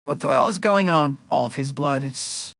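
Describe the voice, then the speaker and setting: A man's voice: on the high side, normal speed, fairly bright tone, no room sound, studio quality. A man playing a young, earnest, wisecracking superhero in a comic dub, quippy and urgent. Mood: urgent, strained. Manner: quippy, urgent, self-narrating.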